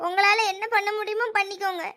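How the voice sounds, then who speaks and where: A woman's voice: very high voice, level tone, fast, over loud music. A woman voicing a tearful, stubborn young woman in a cartoon, with a Thoothukudi Tamil accent, refusing firmly. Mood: tearful defiant.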